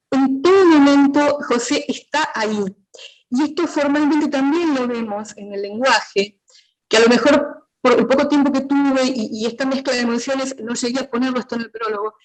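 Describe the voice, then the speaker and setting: A woman with a Rioplatense Spanish accent giving a thoughtful, earnest talk at a book presentation, often pausing on "eh" fillers. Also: on the high side, low-quality recording. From Río de la Plata region. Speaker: prologue writer speaking at a book presentation.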